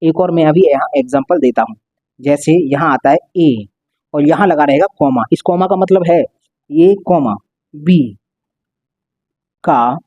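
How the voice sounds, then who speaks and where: A man's voice: a little high, moderate pace, mellow, no room sound, lo-fi sound. A male maths teacher explaining a lesson step by step, repeating and stretching out key words.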